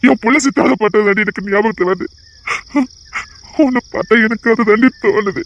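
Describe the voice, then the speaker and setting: A man's voice: high voice, normal speed, fairly bright tone. An actor playing a sorrowful, guilt-ridden older father who talks heavily and breaks into sobs. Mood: grave. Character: grieving older father, guilt-ridden protector of his girl. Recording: dull lo-fi audio.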